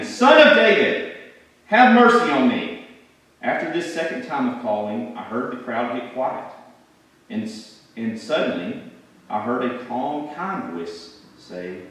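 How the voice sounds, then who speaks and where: A man earnestly retelling a Bible story in the first person, in character, as a church speaker. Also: fairly low pitch. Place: church sanctuary. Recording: very echoey room, from far off.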